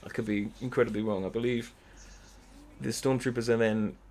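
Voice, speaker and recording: A man's voice: mid-range voice, fairly even intonation, fairly quick, a little mellow. A young man hosting a let's play, giving casual, rambling commentary with dry jokes. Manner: dry joking, rambling asides.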